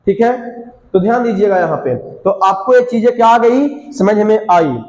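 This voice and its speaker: A man gives an English grammar lesson, keeping his students involved by asking a question and then repeating the answer. His voice sits high, and the room around him rings with echo. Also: expressive, unhurried, darkish tone, lo-fi sound. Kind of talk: classroom lecture.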